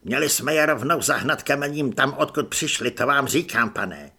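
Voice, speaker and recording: A man's voice: medium pitch, expressive, gravelly, sharp tone, breathy edge, exaggerated voice. A man doing a barking, bullying army corporal. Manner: barking, scornful.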